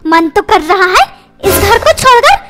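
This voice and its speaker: A woman's voice: very high voice, very animated, a little slow, heavily acted. A woman voicing a sassy, whiny cartoon schoolboy who tattles on his parents. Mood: cheeky.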